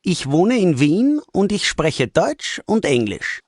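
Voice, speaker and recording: A man's voice: sits high, big pitch swings, slow pace, no echo, studio quality. A man reading a scripted self-introduction for a textbook listening exercise, carefully enunciated. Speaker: textbook audio speaker.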